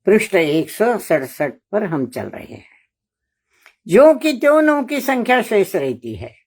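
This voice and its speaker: A woman lecturing on a religious epic poem, explaining slowly and deliberately and repeating phrases for emphasis. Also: mid-range voice, big pitch swings, darkish tone, husky.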